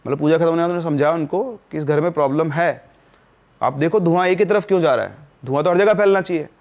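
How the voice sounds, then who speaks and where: A man's voice: on the high side, fast talker, darkish tone. A man casually telling a true horror story, dropping his voice at tense moments. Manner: conversational, drops voice at tense moments.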